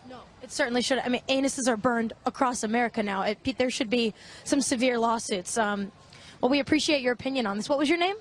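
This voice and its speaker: A woman's voice: fairly high pitch, quick pace. A woman reporter conducting a mock news interview in an earnest, straight-faced way.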